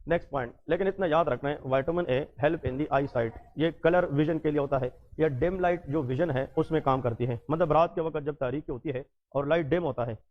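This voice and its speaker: Male lecturer, fairly high voice, repeats key terms and quizzes the class, tinny phone-like audio. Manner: repetitive, quizzing students and answering himself. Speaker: biochemistry lecturer. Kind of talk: classroom lecture mixing Hindi and English.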